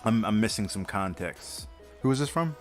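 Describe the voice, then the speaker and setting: A man's voice: lowish voice, animated, moderate pace, faint music behind. A tired man hosting a live stream, chatting casually and rambling with lots of fillers and restarts while he builds a model kit.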